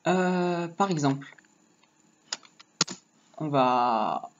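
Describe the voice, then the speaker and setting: A man's voice: a little high, expressive, extremely slow. A man giving a casual screen-recorded coding lesson, rambling and joking to himself while he types. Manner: rambling, joking asides, talks while typing. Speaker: HTML tutorial teacher. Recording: dull lo-fi mic with faint noise. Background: keyboard typing.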